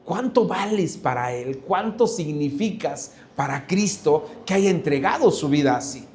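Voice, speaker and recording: Earnest pastor preaching. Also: male voice, on the high side, expressive, unhurried, a little mellow, a little hiss or hum. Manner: earnest, searching, with many restarts and rhetorical questions. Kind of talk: sermon.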